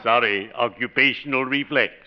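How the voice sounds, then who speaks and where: An actor playing a genial, ghoulishly courteous undertaker in a 1940s radio comedy, with solemn, pompous, formal diction. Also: male voice, mid-range voice, normal speed, slight background noise, natural voice. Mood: pompously genial. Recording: dull old radio recording.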